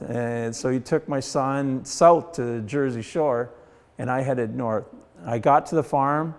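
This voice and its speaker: A man's voice: mid-range voice, a little mellow. Folksy man giving a museum tour. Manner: folksy storyteller, acts out quoted people. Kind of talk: casual guided tour and storytelling. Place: heritage centre exhibit hall.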